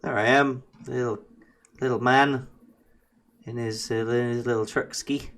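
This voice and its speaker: A man's voice: mid-range voice, fairly even intonation, measured pace, fairly bright tone. A man streaming a truck driving game, chatting casually and teasing his co-player, sometimes breaking into silly sing-song noises. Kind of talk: casual gameplay chat with a co-player.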